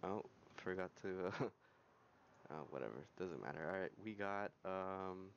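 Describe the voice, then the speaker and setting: A young man giving live gameplay commentary, swinging from low muttering to loud yelling, swearing and repeating words in bursts. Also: animated, measured pace, creaky, highs cut off, slight background noise. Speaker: gaming YouTuber.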